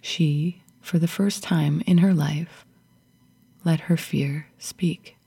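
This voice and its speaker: Woman, host, soothing story, half-whispered, husky, mellow. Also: deep voice, steady tone. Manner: slow, hushed, half-whispered delivery.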